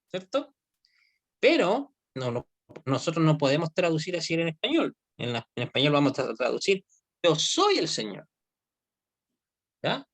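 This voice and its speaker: A man teaching Hebrew grammar in an online class. He speaks at an unhurried pace and keeps pausing to make sure his students are following. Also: a little high. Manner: explains slowly, often checks with "¿ya?".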